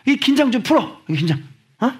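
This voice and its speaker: A man preaching a sermon as pastor, animated and sometimes shouting at the congregation, acting out little dialogues. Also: very high voice, fairly quick, slightly rough. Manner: acts out little dialogues in different voices. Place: church sanctuary.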